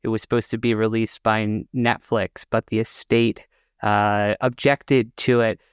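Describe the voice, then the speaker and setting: A man's voice: fairly low pitch, flat delivery, measured pace, smooth, no room sound, studio quality. A man co-hosting a theater podcast, chatting casually and reading out show listings with frequent "uh" fillers. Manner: informative, reads out listings with many "uh" fillers. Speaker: podcast co-host.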